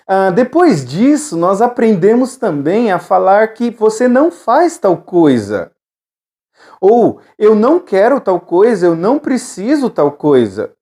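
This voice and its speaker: In a mellow, mid-range voice, an English teacher delivers a recorded lesson. They patiently repeat drill phrases and check in with the students.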